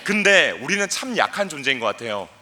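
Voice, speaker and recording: Brief: young male guest speaker, fairly high voice, very animated, playful youth-camp talk. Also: quick pace. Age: young adult. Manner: playful, acts out quoted voices, leads the crowd in chants.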